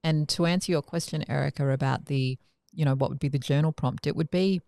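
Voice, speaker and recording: A woman's voice: sits low, fairly quick, vocal fry, a little mellow, no echo, clean studio sound. A woman chatting on a podcast, thinking aloud in a reflective way and often restarting her sentences. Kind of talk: casual podcast conversation.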